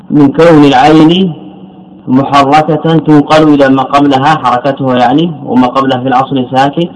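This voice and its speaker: A man's voice: medium pitch, poor audio. A middle-aged man teaching Arabic morphology as a scholar, repeating key phrases and putting questions to himself before answering them. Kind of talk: classical lecture explaining a text.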